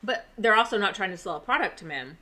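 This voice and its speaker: A woman's voice: medium pitch, expressive, fast talker, sharp tone. A woman co-hosting a casual podcast, talking frankly and conversationally. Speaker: podcast co-host and mother. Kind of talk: casual chat.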